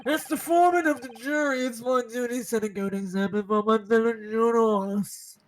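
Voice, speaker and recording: A woman's voice: on the high side, steady tone, moderate pace, lightly acted. A woman voicing a pompous, fiery jury foreman in a game dub, proclaiming with self-importance. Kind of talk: fan dub of a visual novel game.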